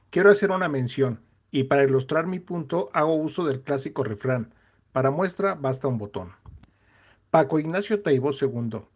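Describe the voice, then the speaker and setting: A man's voice: mid-range voice, dull audio. A man from Mexico with a Mexican accent, reading out an earnest, indignant message to a show in formal wording. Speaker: listener sending a message. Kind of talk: read-out listener message.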